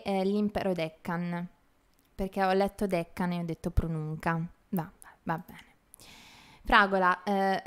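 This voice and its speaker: A young woman streamer chatting casually while playing a strategy game, playful and quick to laugh as she reads the chat. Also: medium pitch. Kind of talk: casual live game commentary.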